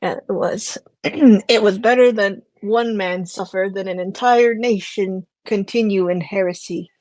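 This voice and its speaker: A woman co-hosting a casual book-club podcast, giving short replies and quick laughs on a close mic. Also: mid-range voice, darkish tone, dry recording. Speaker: podcast co-host.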